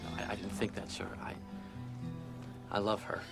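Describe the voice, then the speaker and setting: Young western sweetheart, lowish gravelly voice, hesitant, deferential, loud music behind. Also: male voice, monotone, moderate pace. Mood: apologetic. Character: earnest, timid young Old West suitor. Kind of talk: western film acting.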